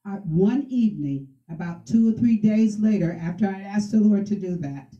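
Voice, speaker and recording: A woman guest telling a lively faith testimony, often laughing between lines. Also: mid-range voice, moderate pace. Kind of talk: testimony storytelling. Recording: echoey, distant, dull sound.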